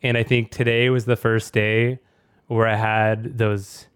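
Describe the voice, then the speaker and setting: A man's voice: lowish voice, little pitch movement, a little slow, smooth, no room sound, clean studio sound. A man hosting a podcast in a casual, fluent, talkative way. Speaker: podcast host.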